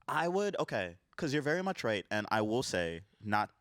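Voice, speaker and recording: Lower-voiced man musing in casual chat. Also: sing-song, moderate pace, fairly bright tone, dry recording, clean studio sound. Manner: reflective, poses discussion questions. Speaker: podcast co-host.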